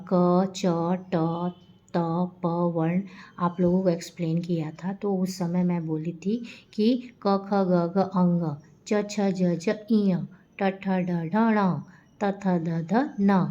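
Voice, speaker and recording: A woman's voice: lowish voice, dark tone, highs cut off. A woman teaching a Hindi grammar lesson, explaining patiently, repeating points and checking in with her students. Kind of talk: recorded classroom lesson.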